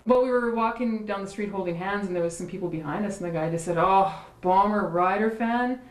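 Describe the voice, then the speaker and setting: A woman's voice: medium pitch, brisk. A woman telling a casual anecdote in an interview. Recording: echoey room.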